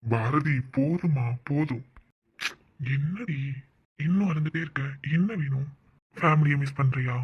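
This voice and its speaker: A man voicing a husky, teasing young fiancé. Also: fairly high pitch, unhurried, long pauses, dull audio. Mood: loving. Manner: affectionate teasing, coaxing. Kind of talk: cartoon voice acting.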